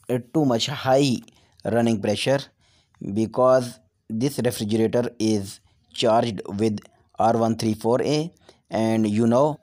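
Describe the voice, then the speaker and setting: A man's voice: mid-range voice, darkish tone. Pakistani-accented man giving repair instructions. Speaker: technical tutorial host.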